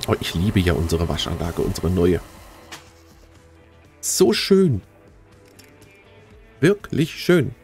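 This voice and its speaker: A man casually narrating his gameplay, talking straight to the viewers and getting worked up easily. His voice is mellow and warm, and it swings widely in pitch. Soft game music plays underneath. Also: a little slow. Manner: chatty, talks to viewers, easily excited. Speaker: let's play host.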